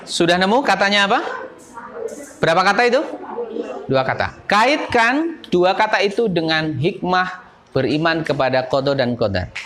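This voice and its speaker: A man teaching a school class, leading it through word games and lively call-and-response chants. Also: high-pitched, normal speed, a little hiss or hum.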